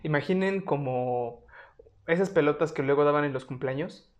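A young woman with a Mexican accent and a distinctly low voice co-hosts a podcast. She chats off the cuff, using lots of slang and some swearing. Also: moderate pace. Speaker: podcast co-host. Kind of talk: casual unscripted chat.

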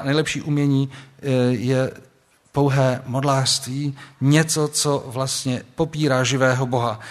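A man's voice: a little high, a bit bright. A man giving a sermon to young people at a camp, speaking conversationally and putting questions to his listeners. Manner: conversational, asks the audience questions. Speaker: preacher. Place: camp talk before an audience.

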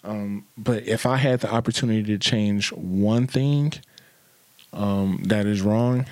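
A man's voice: lowish voice, a little slow, darkish tone, no echo. A young man chatting casually, telling a story with lots of fillers and acted-out quotes. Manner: rambling, many fillers, acts out quotes. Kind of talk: casual chat.

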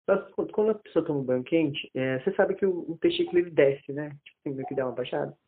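Guy in his 20s telling a story, kinda high voice, animated, lots of restarts, sounds like a phone line. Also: quick pace. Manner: animated, acts out quoted dialogue, many restarts. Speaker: interviewee. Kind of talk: casual personal storytelling. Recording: tinny phone-like audio.

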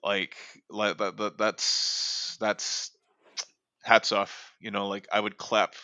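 A man's voice: on the low side, little pitch movement, slow pace, sharp tone, dry recording. Rambling man on a podcast mic. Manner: rambling, many fillers and restarts. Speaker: podcast co-host. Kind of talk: casual sports podcast chat. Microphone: home podcast microphone.

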